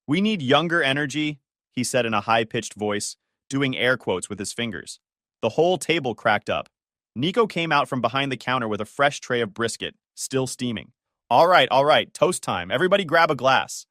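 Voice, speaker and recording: A man narrates a first-person story in a steady, measured voice that sits at an ordinary middle pitch. The sound is close and dry, with no room around it. His delivery stays even from line to line. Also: no room sound.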